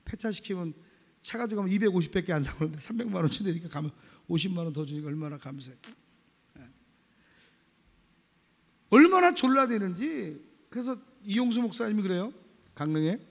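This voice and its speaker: A man preaching a sermon as pastor, animated and acting out dialogue in a loud, lively way. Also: high voice, fairly quick, vocal fry, pauses often, long reverb tail.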